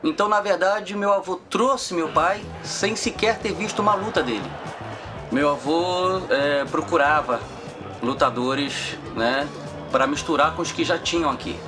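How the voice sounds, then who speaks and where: Casual Brazilian man, higher-pitched voice. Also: a little slow, music in the background. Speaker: interviewee from a circus wrestling family. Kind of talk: casual anecdotal interview.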